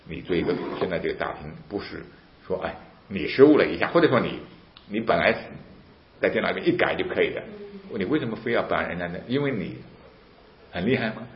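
Fast-talking deep-voiced man telling a story. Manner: animated, re-enacts dialogue with emphatic outbursts. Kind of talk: casual storytelling. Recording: roomy, dull lo-fi recording with faint hiss.

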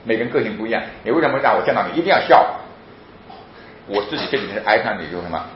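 A man giving a lively sermon-style talk on parenting, laughing often and acting out children as he goes. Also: on the low side, racing. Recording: very echoey, dull lo-fi with faint noise.

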